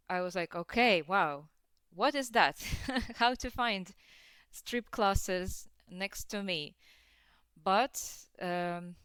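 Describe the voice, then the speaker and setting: A woman's voice: medium pitch, a bit bright, clean tone, no echo. A young adult woman from Russia, a dance teacher and podcast guest, talking in a hesitant way with many fillers and frequent laughs. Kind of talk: casual podcast interview.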